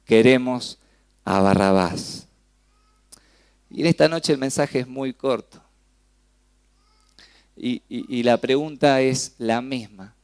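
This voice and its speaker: A man from Argentina with a Rioplatense Spanish accent preaching a sermon in church, swinging from loud outbursts to hushed, slow phrases. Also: mid-range voice, clear, resonant tone. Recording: soft piano music behind the voice.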